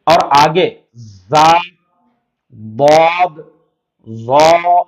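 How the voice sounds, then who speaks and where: Guy teaching arabic letters, slow stretched sounds, kinda muffled lo-fi audio. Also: mid-range voice. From India. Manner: drawn-out sounding of letters, patient explaining. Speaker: Quran reading teacher. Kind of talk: Urdu Arabic-alphabet lesson.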